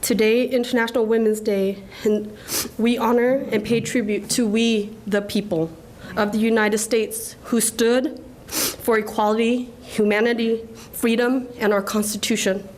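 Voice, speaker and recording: A woman's voice: fairly high pitch, level tone, unhurried, darkish tone, poor audio. A woman from Laos in her forties giving an earnest, emotional award acceptance speech at a podium. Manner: earnest, emotional, tearful at times. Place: government ceremony room.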